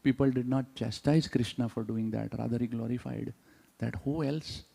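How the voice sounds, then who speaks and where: In a temple hall with long reverb, a man teaches a devotional class, engaging listeners by often asking a questioning "huh?". His mid-range voice is creaky, dark, and slightly rough, with fairly even intonation at normal speed.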